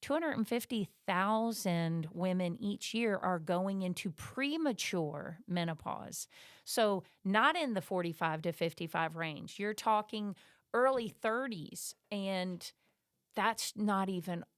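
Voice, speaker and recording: A woman's voice: medium pitch, animated, slow pace, clean tone, no room sound, studio quality. A middle-aged woman co-hosting a podcast, talking in a chatty, emphatic way. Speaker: podcast co-host. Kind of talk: casual podcast chat.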